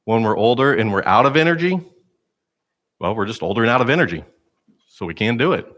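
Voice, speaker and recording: A man's voice: medium pitch, expressive, brisk, fairly bright tone. A male pastor preaching a sermon in a conversational, self-deprecating storytelling manner. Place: church sanctuary.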